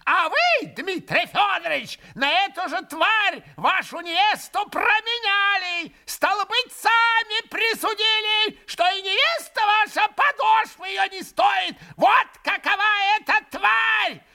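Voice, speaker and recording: A man voicing a furious, buffoonish old father in a storybook reading, shrill, strained and gasping for breath. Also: expressive, measured pace, vocal fry, hardly any pauses, bright, forceful tone, heavily acted. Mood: breathless fury. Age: older. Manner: breathless, gasping, theatrical outbursts. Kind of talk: dramatic literary reading.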